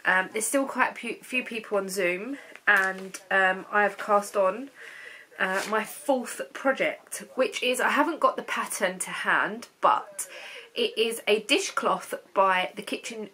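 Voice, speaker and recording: A knitting vlogger in her thirties sits on her living-room sofa and chats casually to her webcam, rambling with plenty of ums. Her nose is blocked and stuffy from a cold, and her unhurried, mid-range voice has a sharp tone on poor-quality audio.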